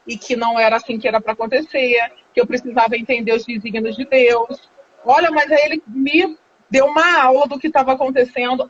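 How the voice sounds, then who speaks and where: A Brazilian woman with a high voice tells a personal story in casual, lively speech, laughing and putting on the voices of the people in it. The sound is muffled and lo-fi, like a live stream. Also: slight background noise. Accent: Brazilian Portuguese. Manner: animated, laughs often, acts out dialogue. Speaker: guest telling her story. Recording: dull lo-fi live stream audio.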